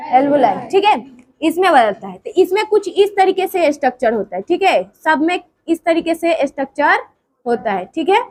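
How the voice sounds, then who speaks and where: High-voiced woman teacher, repetitive classroom quizzing. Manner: repeats terms and quizzes the class. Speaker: drawing teacher. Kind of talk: classroom drawing lesson.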